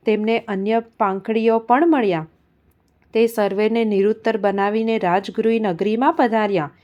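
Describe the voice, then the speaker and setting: A woman reading a religious story aloud in a calm, even storytelling manner. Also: medium pitch, muffled recording. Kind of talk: scripted religious story narration.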